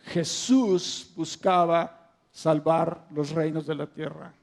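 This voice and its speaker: A male preacher delivering a sermon in a high, gravelly voice. He builds his phrases into emphatic, impassioned peaks and keeps throwing rhetorical questions at the congregation. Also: fairly even intonation, slow.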